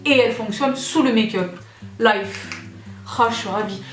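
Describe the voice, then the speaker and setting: Woman in her thirties, excitable, gushing unboxing chat, echoey room, faint music. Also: a little high, moderate pace. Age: 30s. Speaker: beauty vlogger. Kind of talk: casual chat unboxing products. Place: indoors, seated. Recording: roomy echo with faint music.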